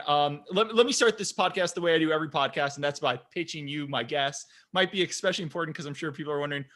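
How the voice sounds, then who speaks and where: A man's voice: on the high side, bright, forceful tone. A man hosting a podcast in casual interview talk, upbeat and chatty, often repeating words as he goes. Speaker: podcast host.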